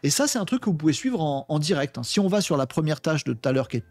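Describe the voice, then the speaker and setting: A man's voice: a little high, sing-song, fast, darkish tone, no room sound. A man presenting a casual screen-share tech tutorial, enthusiastic and slangy, acting out little imagined dialogues. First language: French. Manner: colloquial slang, many fillers.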